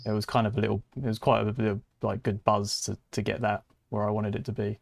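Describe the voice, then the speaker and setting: A man's voice: lowish voice, level tone, fast talker, vocal fry, no echo. A man chatting on a podcast, hesitant with many restarts. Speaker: podcast co-host. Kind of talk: casual chat.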